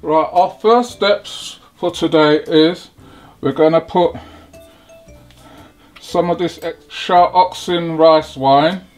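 A man hosting a home cooking video, talking slowly and haltingly through each step of a recipe in his kitchen. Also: a little high. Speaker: cooking channel host. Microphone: off-camera, hands-only framing. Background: sizzling wok, faint music.

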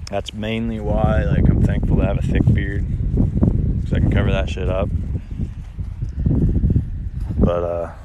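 This American livestreamer in his thirties speaks in a lowish, steady voice, taking his time and leaving long pauses. Relaxed and rambling, he holds his phone at arm's length in open rural countryside, and the outdoor recording sounds muffled with ambient noise around him.

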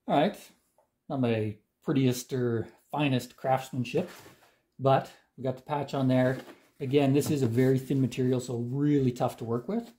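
In a garage workshop, a Canadian DIY channel host demonstrates a repair, talking as he works in a relaxed, plain-spoken way. His mid-range voice is mellow and husky.

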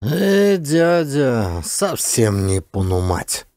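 A man's voice: mid-range voice, drawn-out words, no room sound, clean studio sound, exaggerated voice. A man voicing a scrappy young village boy who speaks in broken, ungrammatical phrases. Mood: pleading. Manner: broken ungrammatical speech, excited.

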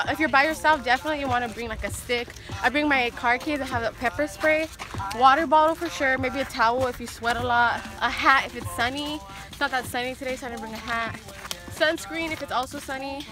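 Chatty young woman vlogging on a hike. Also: high-pitched. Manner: chatty, lots of "um" fillers. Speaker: fitness vlogger. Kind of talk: casual Q&A while hiking. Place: outdoors on a hillside trail. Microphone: camera carried alongside while walking.

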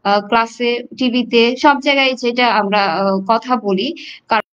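Woman, high voice, patient teacher explaining to students, dull lo-fi recording. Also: moderate pace, smooth. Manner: explanatory, addresses students directly, frequent fillers. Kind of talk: online class lecture. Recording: dull lo-fi audio.

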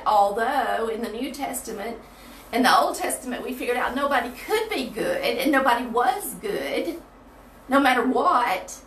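A woman's voice: fairly high pitch, a bit bright. A woman with a Southern US accent leading an informal online Bible study in a conversational way, often checking in with "okay?", recorded in a bathroom. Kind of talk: casual Bible teaching chat on a livestream. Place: echoey bathroom at home. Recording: echoey small room, distant mic, faint noise.

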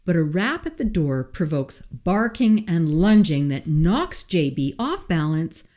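Low-voiced woman reading a story. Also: dark tone. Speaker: narrator. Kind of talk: audiobook reading.

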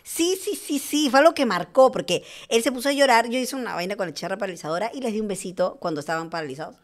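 Girl in her 20s on a podcast, chatty, keeps saying o sea, normal pitch. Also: lively intonation, quick pace. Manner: chatty storyteller, lots of "o sea" and "¿no?". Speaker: podcast guest. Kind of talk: casual interview chat.

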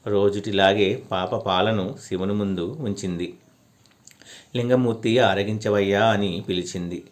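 A man narrating a devotional story in an earnest, steady storytelling manner. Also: sits low, moderate pace.

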